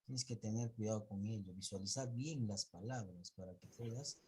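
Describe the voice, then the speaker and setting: A man, a teacher on a video call, patiently walking his pupils through their reading errors. His voice sits low and has a husky, breathy grain. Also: moderate pace, darkish tone. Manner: corrects pupils' reading patiently, counts aloud. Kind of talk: online reading class feedback.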